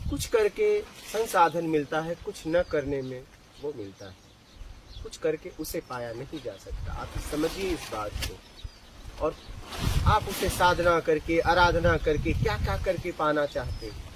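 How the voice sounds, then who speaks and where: A man with a high-pitched voice gives a spiritual discourse outdoors, mixing personal stories with teaching. He keeps turning to his listeners with quick rhetorical questions. Faint birdsong and animal sounds drift in behind him. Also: expressive, noisy background. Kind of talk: satsang discourse with storytelling.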